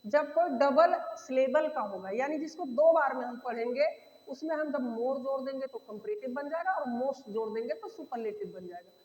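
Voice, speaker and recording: A woman teaching English grammar in Hindi, repeating key points, addressing students as "beta", and slowing down to say example words one by one. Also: high voice, animated, darkish tone. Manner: slows to spell out words. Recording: echoey room with long reverb.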